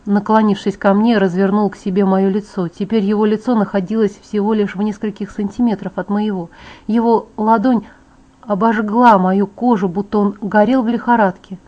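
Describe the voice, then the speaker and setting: A woman's voice: mid-range voice, level tone, moderate pace, warm tone. A woman with a mid-range voice narrating a first-person audiobook. She reads steadily and evenly, now and then stumbling slightly. The recording is dull and lo-fi.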